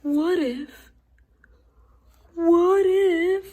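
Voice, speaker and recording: A woman's voice: very high voice, fairly even intonation, extremely slow, warm tone, exaggerated voice. A woman voicing a worried, melodramatic elephant who keeps sneezing and hesitating, in a storybook read aloud.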